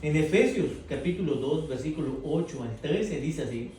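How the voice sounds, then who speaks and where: A man's voice: a little high, expressive, normal speed, warm tone. A man leading an interactive Bible class, quizzing the group and tagging his points with "right?". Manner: asks the group questions, tags lines with "verdad?". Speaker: Bible study teacher. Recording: echoey room from far off, faint noise.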